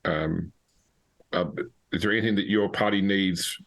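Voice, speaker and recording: A man playing a tabletop role-playing game, talking casually in a hesitant, halting way. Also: low voice, steady tone, fairly bright tone.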